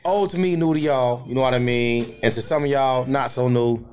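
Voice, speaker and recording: A man's voice: medium pitch, brisk, darkish tone. Laid-back man co-hosting. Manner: laid-back, says "man" and "you know what I mean" constantly. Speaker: radio show co-host. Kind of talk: casual chat.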